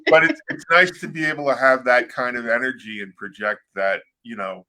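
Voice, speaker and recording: Bright-voiced joking male co-host. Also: mid-range voice, lively intonation, a little fast, poor audio. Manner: joking, teasing asides. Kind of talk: casual interview chat.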